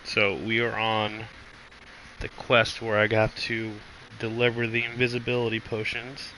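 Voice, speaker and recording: Tired sick guy streaming a game, low bright voice, flat and held back. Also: slight background noise, rough recording. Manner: deliberately monotone and subdued. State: tired and recovering from illness. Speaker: gaming streamer. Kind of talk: laid-back gameplay commentary.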